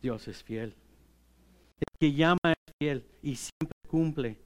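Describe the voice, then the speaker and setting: A middle-aged male pastor, preaching in a relaxed, conversational way. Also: fairly high pitch, a little hiss or hum. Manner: unhurried, conversational preaching with light laughs. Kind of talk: sermon.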